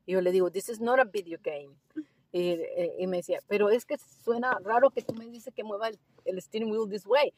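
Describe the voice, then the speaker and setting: A woman who works as a driving instructor, telling a story in a casual interview, animated and slipping English phrases into her Spanish. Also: medium pitch, moderate pace, a little hiss or hum.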